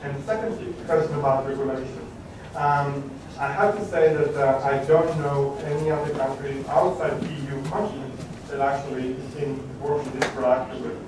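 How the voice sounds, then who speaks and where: A man's voice: mid-range voice, fairly even intonation, normal speed. Man in an echoey hall. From Croatia. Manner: hesitant, many fillers and restarts. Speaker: conference speaker answering questions. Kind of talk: conference Q&A answer. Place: large conference hall. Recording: echoey hall from a distant mic, background noise.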